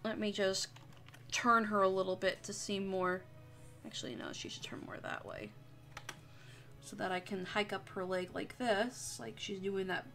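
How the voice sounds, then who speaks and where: With music playing behind her, a young woman artist talks on her livestream while drawing. Her medium-pitched voice is gravelly and steady at a normal speed, and her chatter is rambling, jokey, and full of profanity.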